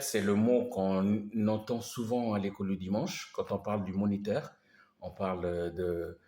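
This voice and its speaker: A man's voice: sits low, mellow. A man giving a vocabulary lesson, patiently repeating each word several times. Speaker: language teacher. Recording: roomy echo.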